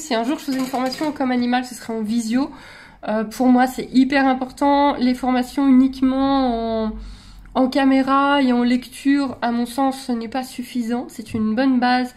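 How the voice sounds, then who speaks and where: A woman's voice: high-pitched, normal speed, darkish tone. A woman talking in a casual, rambling vlog style, often interrupting herself and laughing at her own tangents. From France. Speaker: vlogger on animal care.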